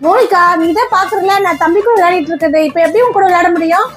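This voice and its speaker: A woman plays a doting mother in a homemade family comedy sketch. Her voice sits very high as she coaxes her little son and scolds her older daughter in an even, patient way. Soft music plays faintly in the background. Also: fast talker. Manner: coaxing and gently scolding. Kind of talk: scripted family comedy skit.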